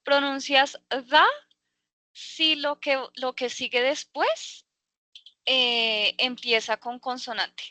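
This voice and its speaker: Woman english teacher, slow and patient, bright voice, dry close sound. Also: high-pitched, fairly even intonation, no room sound. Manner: patient, explains slowly with many fillers. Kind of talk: online class. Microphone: video call.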